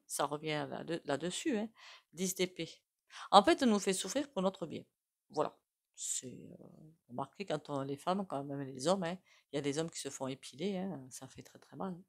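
A woman with an accent reading tarot cards in a casual spoken way, full of fillers and asides. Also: fairly low pitch. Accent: non-standard French accent. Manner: chatty, many fillers and asides. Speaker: tarot reader.

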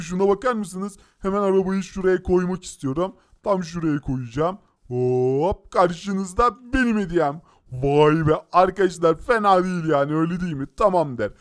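A man voicing Nop, an excitable boy racer in a Minecraft animation, who keeps laughing and crying out in surprise. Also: sits high, lightly acted. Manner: excitable, gasps and laughs often.

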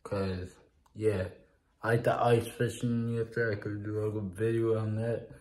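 A young vlogger talks casually to his phone camera, held at arm's length in a small living room. His fairly low, level voice moves at normal speed with a slightly mellow quality as he rambles and repeats the same filler phrases.

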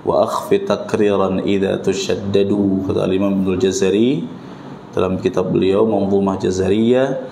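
An Indonesian man teaching Quran recitation in a mosque, patiently breaking down sounds and drilling them slowly. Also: low-pitched, level tone, creaky, dark tone. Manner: patient, demonstrates pronunciation slowly and repeats drills. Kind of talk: mosque tajwid lesson. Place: mosque hall. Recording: echoey mosque room with faint hum.

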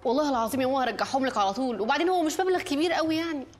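An actress playing a snappy, spoiled rich Egyptian wife. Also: female voice, high voice, racing, lightly acted. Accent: Egyptian Arabic. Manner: brash, snappy, exasperated. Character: spoiled rich young wife, sharp-tongued. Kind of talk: TV comedy series acting.

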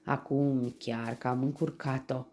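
A woman's voice: extremely low pitch, fairly even intonation, a little mellow, slight background noise. A woman voicing a hungry, fretful male pig in a storybook, with a whiny manner. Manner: whiny, complaining.

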